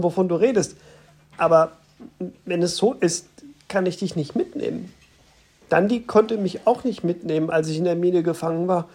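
A narrator voicing a quick, stubborn young woman who keeps questioning and pushing back, in an audiobook reading. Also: lowish voice, a little mellow, slightly rough. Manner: questioning, insistent.

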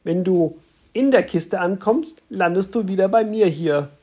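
A narrator voicing a calm, husky male guide. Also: medium pitch, a little slow, lightly acted. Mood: explaining. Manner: calm, explaining. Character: calm knowing man, patient guide. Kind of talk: audiobook reading.

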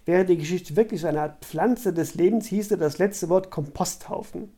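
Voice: mid-range voice, normal speed, warm tone, close to an everyday voice. A reader voicing an earnest schoolgirl with a flair for drama, in a storybook reading.

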